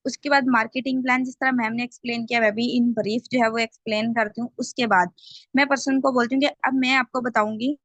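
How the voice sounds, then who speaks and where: A woman leads a sales team training over a video call, laying things out step by step. Her voice sits a little high, and the sound is dry and close. She keeps checking in with her listeners as she goes. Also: steady tone, quick pace, a bit bright, no room sound. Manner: explains step by step, checks in with the group often.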